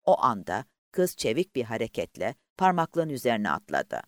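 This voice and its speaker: A man's voice: wildly swooping pitch, normal speed, no echo, clean studio sound. Dramatic male audiobook narrator. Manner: dramatic, highly varied reading.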